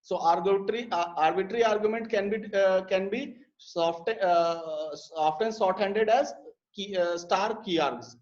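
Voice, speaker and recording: Teaching his live online programming class at a measured pace, the man speaks in a high-pitched voice, full of fillers and repeated words as he goes step by step. Audio from his computer mic is dull and lo-fi.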